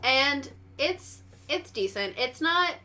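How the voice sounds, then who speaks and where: A woman's voice: high voice, lively intonation, slow, sharp tone. A woman co-hosting a casual pop-culture podcast, rambling with lots of "like" and acting out reactions in quotes. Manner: rambling, heavy use of "like", acts out reactions in quotes. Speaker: podcast co-host.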